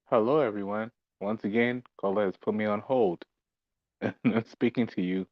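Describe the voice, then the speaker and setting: A man putting on a calm male newscaster voice, speaking low, slow and measured over lo-fi call audio. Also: no room sound, close to an everyday voice. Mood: mock formal. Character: calm adult male newscaster announcing a hold.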